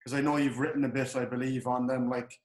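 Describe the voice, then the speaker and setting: A man's voice: mid-range voice, little pitch movement, fast, a little mellow. A man chatting casually as he interviews a guest. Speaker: co-host, interviewer. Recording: roomy, echoing sound.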